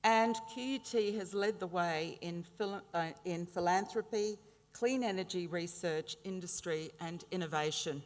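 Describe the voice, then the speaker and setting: A middle-aged Australian woman with a lowish voice addresses a graduation ceremony in a large indoor hall. The formal speech is measured and full of warm, humorous anecdotes, and the hall's reverb carries into the recording.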